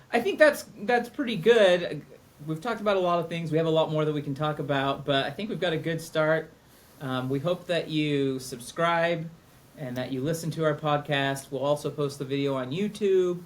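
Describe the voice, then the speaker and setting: A man's voice: fairly high pitch, normal speed. A middle-aged man co-hosting a casual podcast chat, chatty and self-mocking. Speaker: podcast co-host.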